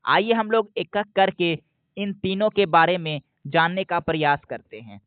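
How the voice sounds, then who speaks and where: Man, high voice, exam coach explaining step by step, dry close phone-line audio. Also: dry recording. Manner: asks a question, then answers it himself; repeats key points slowly. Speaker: exam prep teacher. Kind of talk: explanatory lesson. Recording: dry, phone-like narrow sound.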